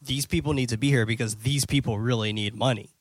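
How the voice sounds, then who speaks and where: Dude recapping a movie on a podcast, casual, lots of likes and ums, cusses a bit, dry no-echo sound. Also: male voice, mid-range voice, fairly even intonation, fast talker. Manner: loose, filler-heavy, swears casually. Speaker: podcast host. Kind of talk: casual movie-review chat.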